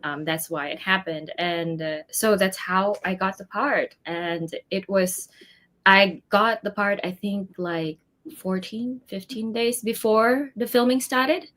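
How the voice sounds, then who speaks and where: Slow and medium-pitched with a slightly bright quality, this young woman from the Philippines is an actress chatting casually in an interview. She goes on at length, full of fillers and frequent laughter.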